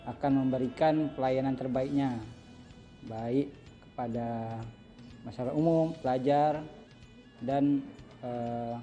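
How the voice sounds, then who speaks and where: A man with a mellow, dark voice explains a museum exhibit in a measured way and often stops on hesitant fillers. The recording sounds dull and lo-fi. Faint music plays underneath. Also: medium pitch. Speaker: museum guide.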